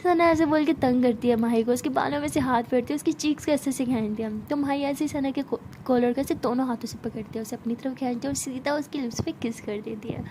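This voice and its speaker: A woman's voice: sits high, quick pace, hardly any pauses, a little mellow, a little hiss or hum. A woman telling a romantic story in a casual, conversational way and voicing every character herself. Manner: conversational, narrates while voicing all characters.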